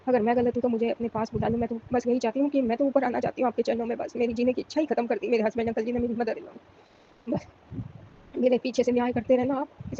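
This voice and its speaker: A woman's voice: fairly high pitch, warm tone, dull audio, a little hiss or hum. A middle-aged woman from Rajasthan giving an emotional, pleading devotional testimony and prayer. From Rajasthan, India.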